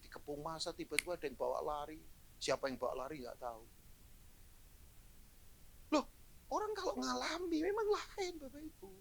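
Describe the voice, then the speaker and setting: A middle-aged man preaching a live sermon as pastor to a church congregation, animated and joking, dropping to low asides then rising to loud exclamations. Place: church hall, in front of a congregation.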